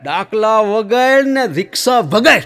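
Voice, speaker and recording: A man's voice: animated, unhurried, a crowd in the background. A man putting on a shrieking entranced woman. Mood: frenzied. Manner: shrill, shouting, commanding. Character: middle-aged devotee woman in a frenzied trance.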